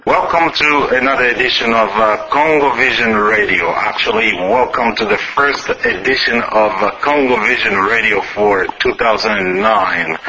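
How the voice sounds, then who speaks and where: A male radio host who welcomes a guest and puts questions to him in a formal, stop-start manner. His voice is bright and fairly low. A faint hiss sits under the recording. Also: poor audio. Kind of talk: radio interview.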